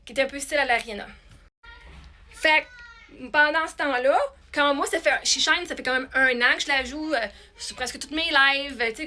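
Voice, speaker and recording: A woman with a Québécois accent, a singer talking casually to her followers in a chatty, animated way with many restarts. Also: high voice. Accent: Québécois French. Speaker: singer and content creator. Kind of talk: casual talk to camera.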